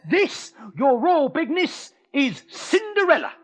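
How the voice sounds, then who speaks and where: Eager young servant boy, very high, bouncing, from a little off-mic. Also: sing-song, slow pace, heavily acted.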